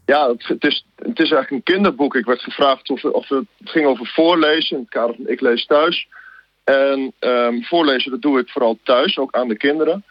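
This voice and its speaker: A man's voice: medium pitch, normal speed, no echo, dull audio. A man in a radio interview talking about a children's book, hesitant, with many restarts. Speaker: radio guest, library reader.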